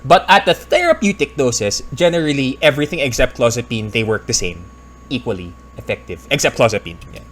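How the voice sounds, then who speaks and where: A man talks through the material in a loose, explanatory way, pausing with fillers and hedging as he goes. His pitch sits right in the middle for a man, and a faint hiss of background noise hangs under the voice. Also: sing-song, fairly bright tone. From Philippines. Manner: thinks aloud, hedges and corrects himself. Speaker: pharmacist reacting to a video. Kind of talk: casual explanatory commentary.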